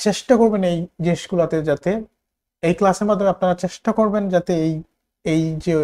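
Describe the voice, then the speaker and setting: A man with a Bangladeshi accent teaching a spoken English lesson, repeating words slowly for learners to copy. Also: high voice, darkish tone.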